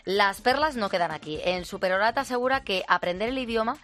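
A woman from Spain with a Peninsular Spanish accent, hosting a radio chat and reading out a news story in a lively, joking way. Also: mid-range voice, fast talker, soft background music. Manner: lively, joking, often laughing. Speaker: radio show host.

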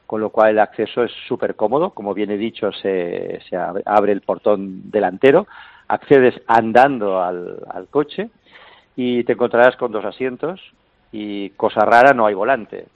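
A man calls in to a radio show, his fairly low voice squeezed through a narrow, dry phone line. He explains in long, meandering turns full of fillers and self-corrections. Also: unhurried, creaky, no echo. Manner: explanatory, many fillers and restarts, chuckles now and then. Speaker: interview guest explaining a vehicle.

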